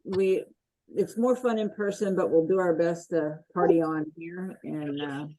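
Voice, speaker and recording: A woman's voice: lowish voice, unhurried, dark tone, poor audio. A woman teaching a college class online, calling roll and chatting in an informal, jokey way. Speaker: college instructor.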